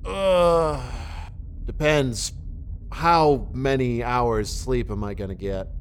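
A woman plays a tired, grumbling space crewmate in an audio drama. Her voice is remarkably low and slow, with faint ambience behind. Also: slight background noise. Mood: weary, grumbling. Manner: weary, sardonic. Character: worn-out, grumbling, sardonic crewmate. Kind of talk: sci-fi audio drama dialogue.

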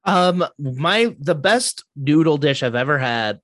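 A man's voice: fairly high pitch, expressive, slow pace, a bit bright, dry recording. A man hosting a casual podcast chat, laid-back and swearing casually.

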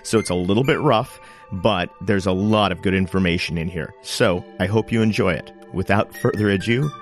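A man hosting a talk radio show, chatting casually with fillers and slipping into a smooth announcer tone. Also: low-pitched, normal speed, soft background music. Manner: relaxed, chatty, with frequent fillers; smooth announcer tone when presenting. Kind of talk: casual podcast introduction and live chat. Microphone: informal live-stream setup.

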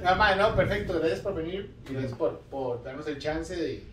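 A man's voice: on the high side, expressive, moderate pace, roomy sound, distant mic, crowd noise. A man hosting a podcast interview, playful and teasing, sometimes trailing off into mumbles. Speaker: podcast host. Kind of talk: joking casual interview.

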